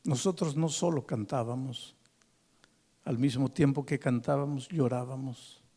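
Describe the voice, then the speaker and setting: Preacher doing a calm young college girl, gentle and kind. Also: mid-range voice, a little slow, breathy edge, long reverb tail. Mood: consoling. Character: gentle young woman university student.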